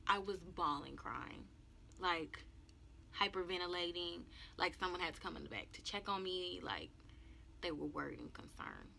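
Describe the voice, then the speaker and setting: Candid young woman with a bright voice. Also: on the low side, sing-song, normal speed, creaky, a little hiss or hum. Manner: candid, frank, emotional retelling. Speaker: vlogger. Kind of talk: personal video journal storytelling.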